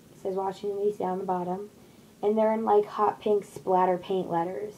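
A woman's voice: mid-range voice, flat delivery, normal speed, warm tone, highs cut off. A young woman casually showing off her shopping haul in her bedroom, chatting and rambling with lots of fillers, recorded on a webcam at close range. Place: small bedroom with posters, indoors. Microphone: webcam on desk at close range.

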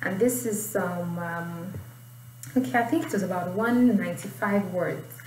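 Lowish, darkish and measured, the voice belongs to a young adult Nigerian woman teaching IELTS writing in a casual tutorial where she explains and reads aloud. The small indoor room and far-off mic produce roomy audio with slight noise.

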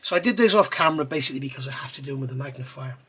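A middle-aged man races through his explanation of a scale model build, his mid-range voice set against slight background noise. He is relaxed and rambling, keeping up chatty asides while working at an indoor hobby bench filmed by an overhead camera.

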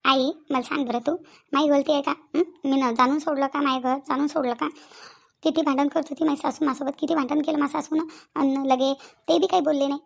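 A woman's voice: high voice, fairly even intonation, fairly quick, gravelly. A woman voicing a sulky, stubborn young wife. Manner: complaining, repeats herself. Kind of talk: cartoon voice acting.

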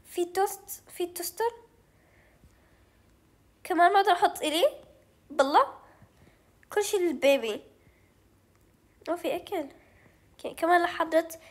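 High-voiced Levantine woman playing a game. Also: normal speed, pauses often. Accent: Levantine Arabic. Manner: chatty, thinks aloud, reacts with squeals and gasps, drops in English words. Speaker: gaming channel host. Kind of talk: let's play commentary.

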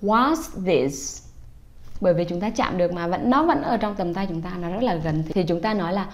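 Patient woman teaching English phrases. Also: on the low side. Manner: patient, explains pronunciation slowly, models phrases aloud. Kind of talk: casual instructional talk to parents.

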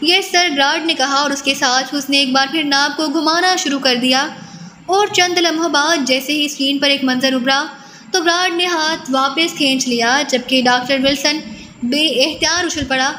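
A woman reads a thriller audiobook in a high, bright voice, with steady storytelling. Her recording carries a long reverb tail and faint noise. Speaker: audiobook narrator. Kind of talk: scripted narration.

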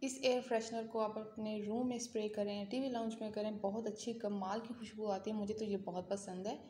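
A woman's voice: mid-range voice, fairly even intonation, a little fast, dark tone, slight background noise. Chatty Pakistani woman in an echoey room. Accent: Pakistani Urdu. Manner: chatty, talks straight to viewers. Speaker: vlogger. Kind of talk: casual home vlog. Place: home room. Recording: echoey room, faint ambience.

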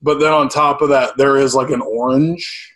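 A man's voice: medium pitch, fairly even intonation, moderate pace, crowd noise. A man co-hosting a casual beer review, laid-back and joking dryly. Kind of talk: casual chat.

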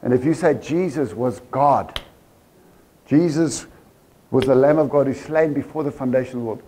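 A man with a South African accent preaching a sermon in church, animated and full of rhetorical questions to the congregation. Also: mid-range voice, normal speed, slight background noise. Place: church service.

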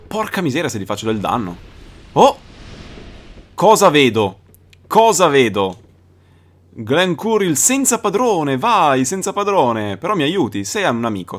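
A young man doing let's play commentary, excitable, swearing and shouting at the game. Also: mid-range voice. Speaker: gaming YouTuber.

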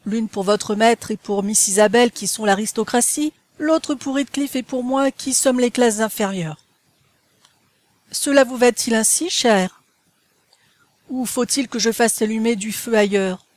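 A woman's voice: fairly high pitch, a little slow, no echo, close to an everyday voice. A woman voicing an impulsive young woman who is breathless and exclamatory, read in a dry audiobook recording. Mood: eager.

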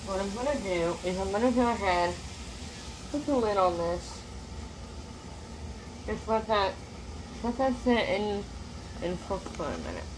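A woman's voice: mid-range voice, sing-song, measured pace, long pauses, noisy background. A young woman chatting casually while cooking in a small home kitchen, rambling with many fillers and restarts, filmed on a phone close up. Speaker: cooking vlogger. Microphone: phone camera close up.

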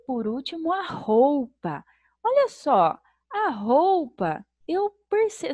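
Slow, lively Brazilian teacher woman. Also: on the high side, dry recording. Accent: Brazilian Portuguese. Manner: slow, sing-song, sounds out syllables with diminutives. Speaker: primary school teacher. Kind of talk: recorded video lesson for young children.

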